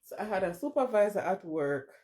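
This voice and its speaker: In a mid-range, darkish voice that's animated and fairly quick, a Jamaican-accented woman in her forties hosts a relaxed livestream. She talks to chat viewers openly and emotionally, shifting into patois along the way.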